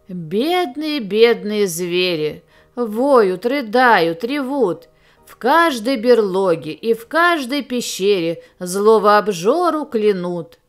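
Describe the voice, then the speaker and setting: A woman narrating children's verse tales in an expressive sing-song way. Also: fairly high pitch. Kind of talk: storybook reading.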